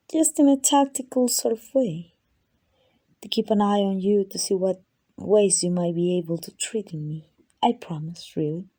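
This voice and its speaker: An amateur voice actor, a woman, plays an ancient, arrogant and possessive female vampire in an ASMR roleplay, teasing and condescending. Her breathy voice is fairly low and a little mellow, slipping into whispers.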